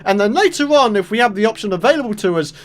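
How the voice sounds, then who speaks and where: Young British gaming host, chatty and self-mocking, high lively voice. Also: male voice, fast talker. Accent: British English. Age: 20s. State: morning voice. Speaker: gaming YouTuber. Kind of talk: casual let's-play commentary.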